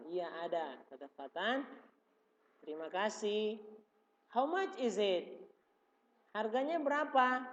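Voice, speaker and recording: Guru laki-laki yang bicara pelan dan sabar. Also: male voice, sits high. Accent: Indonesian. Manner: slow, patient, repeats each phrase. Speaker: religious school teacher. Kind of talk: classroom explanation. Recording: dull reverberant room recording.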